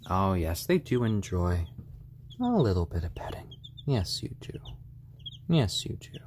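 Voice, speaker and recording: Indoors at home, a very animated man chats on a live stream in a fairly low voice with a slight hoarseness. His pitch rises and falls a lot as he wanders between faltering explanations and gentle coos to his pets, while birds and distinct background noise carry on behind him.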